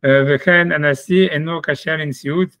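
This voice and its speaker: Halting man explaining Talmud, slightly high voice. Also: fairly even intonation, sharp tone, dry recording. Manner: halting, thinking aloud with many restarts. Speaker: Torah study teacher. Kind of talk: informal Talmud lesson.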